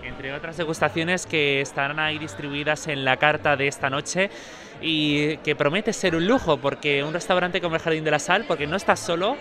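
Masked reporter in a crowd. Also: male voice, fairly high pitch, normal speed. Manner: formal presenter tone with brief hesitations. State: through a face mask. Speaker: reporter hosting a local festival feature. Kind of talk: outdoor on-site interview. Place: outdoor town square at a night festival. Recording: outdoor crowd chatter behind.

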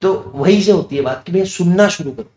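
A man's voice: high voice, brisk, darkish tone. A young male teacher talking with his students in a chatty aside, asking questions and then answering them himself. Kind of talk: casual classroom digression. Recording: echoey room.

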